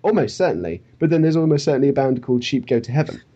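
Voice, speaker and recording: A man co-hosting a podcast in relaxed, joking conversation. His voice is husky and mellow, and his pitch moves around a lot. The recording sounds dull and lo-fi. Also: very fast. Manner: joking, laughs often. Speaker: podcast co-host. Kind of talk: casual podcast chat. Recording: dull lo-fi audio.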